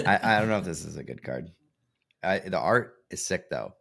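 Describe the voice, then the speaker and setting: A man's voice: low voice, lively intonation, normal speed, gravelly, fairly bright tone. A young man co-hosting a casual card game podcast, laughing often and hedging his opinions. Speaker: podcast co-host. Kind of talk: casual chat.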